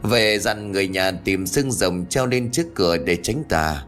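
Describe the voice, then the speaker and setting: Calm spirit master in a ghost story, low, slow and grave, voiced by a male narrator. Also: faint music behind. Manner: slow, measured, grave advice.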